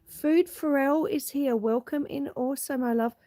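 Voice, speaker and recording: On a live stream from her homestead, a middle-aged Australian woman greets viewers in a relaxed chat, recording outside on her phone camera. A cold makes her husky and hoarse, and she speaks high-pitched at a measured pace with a dark tone.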